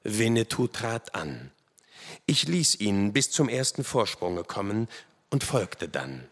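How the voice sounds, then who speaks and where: A man reading a first-person adventure story aloud in a dramatic, expressive way. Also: lowish voice, slow pace, breathy edge. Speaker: audiobook narrator. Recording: long hall reverb.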